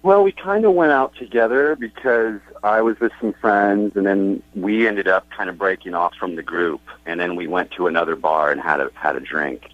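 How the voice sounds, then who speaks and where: A man's voice: sits low, normal speed, few pauses, no room sound. Sheepish male caller on a dull line. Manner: sheepish, awkward, hesitant.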